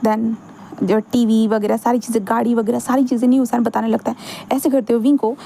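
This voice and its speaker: Style: chatty story retelling. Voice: fast-talking woman. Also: fairly high pitch, flat delivery, creaky, mellow, slight background noise. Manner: chatty, rambling, mixes in English words. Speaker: story narrator. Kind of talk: casual fan-fiction retelling.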